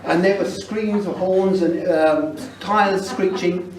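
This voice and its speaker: A middle-aged Englishman with a high, darkish voice and fairly even intonation speaks slowly, delivering a humorous father-of-the-bride wedding speech. The event recording is roomy and noisy, taken from far away.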